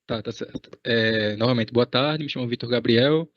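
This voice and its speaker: A man from Pernambuco introduces himself haltingly on a video call, leaning on fillers. His voice is mid-pitched, dry and close, with muffled call audio. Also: dry recording. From Pernambuco, Brazil. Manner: hesitant, filler-heavy. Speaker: student squad leader. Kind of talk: self-introduction in online meeting.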